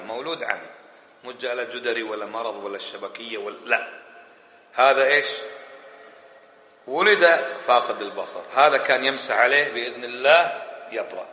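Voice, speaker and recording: A man teaching a religious lesson in a lively, colloquial way, firing rhetorical questions at his listeners. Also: mid-range voice. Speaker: Islamic scholar teaching a book. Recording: echoey room, faint background hiss.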